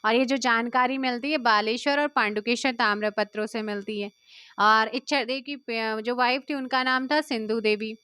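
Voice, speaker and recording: Indian hindi-accent woman teacher rattling off quiz questions, kinda high, clean dry sound. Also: fairly even intonation, pushed and bright, smooth, no room sound. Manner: brisk, quizzing viewers and urging them to comment. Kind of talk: quiz-style exam prep lesson.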